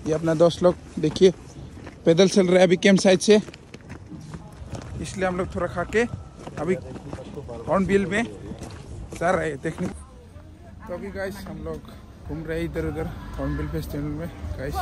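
A man's voice: on the high side, little pitch movement, moderate pace, pauses often. A young man vlogging his trip, chatting as he walks outdoors with a phone held at arm's length. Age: young adult. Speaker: travel vlogger. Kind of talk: casual travel vlog. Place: outdoors at a busy festival and roadside. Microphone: phone camera held at arm's length. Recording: noisy outdoor phone recording.

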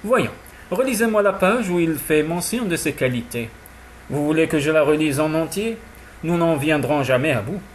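A man's voice: on the high side, lively intonation, normal speed, a little hiss or hum, lightly acted. A man voicing a witty, playful young duchess in an audiobook, lifting his voice and teasing with mock innocence. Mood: thoughtful. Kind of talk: audiobook character voice.

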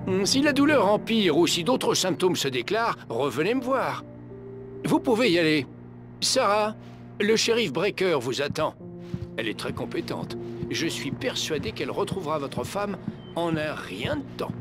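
A man's voice: high-pitched, very animated, normal speed, music in the background. A man playing a kindly older country doctor in a video game, attentive and reassuring with his patient.

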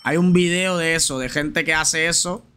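Bright-voiced chatty male streamer. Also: fairly high pitch, fairly even intonation, normal speed, slight background noise. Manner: chatty, slangy, talks straight to viewers and reads chat aloud. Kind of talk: casual live gameplay chat.

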